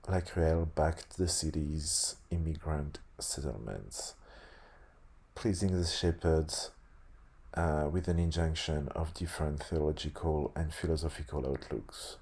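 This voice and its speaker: A man with a lisp reading aloud haltingly, stumbling and correcting himself, with casual asides. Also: rumbling low, a little mellow, breathy edge. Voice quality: lisp on s sounds. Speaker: host reading a tabletop game sourcebook aloud.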